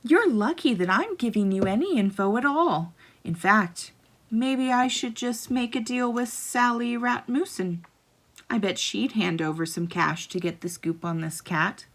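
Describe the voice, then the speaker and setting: A woman's voice: fairly high pitch, unhurried, fairly bright tone, pitched above the performer's own voice. A woman voicing a smug, pushy male mouse cousin who brags and bargains. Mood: scheming. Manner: brash, boastful, wheedling.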